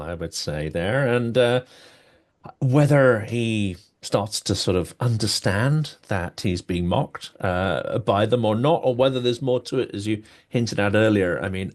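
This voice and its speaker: A man joining a political talk show as a guest, his voice on the low side. He speaks in a measured, thoughtful way and pauses to hesitate now and then. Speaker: guest commentator.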